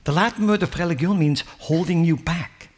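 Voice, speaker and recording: A man preaching a sermon as pastor, emphatic and rising to near-shouts, firing rhetorical questions at the congregation. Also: on the high side, fairly quick.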